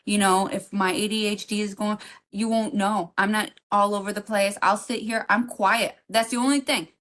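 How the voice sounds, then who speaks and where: A woman's voice: mid-range voice, steady tone, normal speed, a bit bright. Middle-aged woman, podcast co-host; rambling, emotional storyteller with frequent fillers and restarts. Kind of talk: casual heartfelt storytelling.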